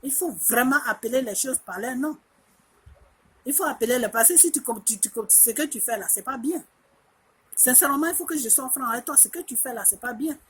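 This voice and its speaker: A woman's voice: high voice, fairly quick, fairly bright tone, slightly rough. A woman from Côte d'Ivoire, delivering an indignant opinion monologue to camera and hammering her points home through repetition.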